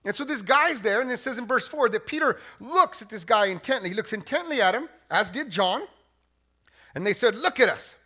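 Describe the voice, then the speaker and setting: Bright high-voiced joking pastor man. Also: animated, a little fast. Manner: conversational and joking, with frequent restarts. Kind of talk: sermon.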